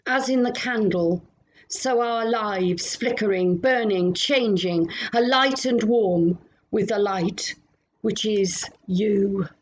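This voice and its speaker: A woman minister at home, leading a gentle, meditative prayer and reflection with long pauses. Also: mid-range voice, poor audio.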